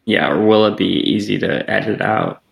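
Man, podcast co-host, a little low and gravelly, chatty with lots of fillers, echoey room sound. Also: moderate pace. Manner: loose and rambling, many "like" and "um" fillers. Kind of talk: casual tech podcast chat. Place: small attic meeting room in a co-working space.

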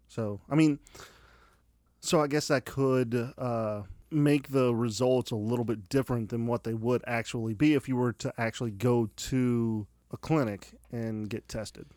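Casual swearing podcast host. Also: male voice, mid-range voice, steady tone, a little slow, a little mellow, dry recording, clean studio sound. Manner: casual, swears freely, laughs often. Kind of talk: casual chat.

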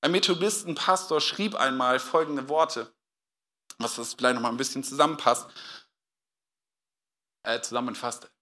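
A man preaching a sermon as pastor, animated and dramatic, acting out quotes with sudden loud outbursts. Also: mid-range voice, normal speed, long pauses.

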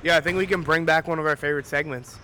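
A man co-hosting a live sports podcast in a school gym, talking in quick runs full of "like" and swearing. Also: on the high side, fairly even intonation, pushed and bright, a little hiss or hum. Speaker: podcast co-host. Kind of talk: casual sports banter. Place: high school gym at a basketball tournament.

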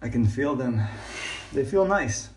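A man's voice: mid-range voice, expressive, unhurried, darkish tone, a little hiss or hum. A man from Latvia chats casually and jokingly as a podcast guest, recorded in an echoing bathroom. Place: bathtub in a small bathroom. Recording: echoing bathroom, somewhat distant from mic.

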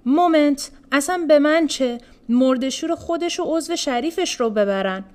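A woman's voice: fairly high pitch, expressive, natural voice. A woman reading the part of a mocking, playful older prince in a storybook reading. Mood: teasing. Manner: teasing, then shouting. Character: sly, mocking older prince who loves jokes.

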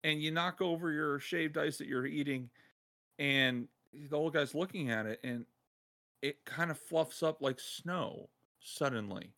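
A man hosting a podcast, excitedly retelling a game side quest in casual chat and laughing as he goes. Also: fairly high pitch, unhurried. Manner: excited, laughing storyteller who acts out quotes. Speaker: podcast host.

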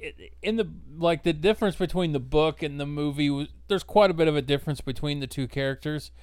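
Quick-talking man leading the topic. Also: fairly high pitch, clear, resonant tone, dry recording. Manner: fast, restarts often, leads topics. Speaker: podcast co-host. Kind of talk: casual chat.

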